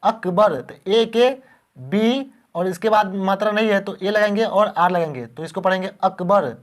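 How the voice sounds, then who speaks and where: A man's voice: high-pitched, normal speed. A man teaching beginners how to spell words, patiently repeating each word and asking the class questions.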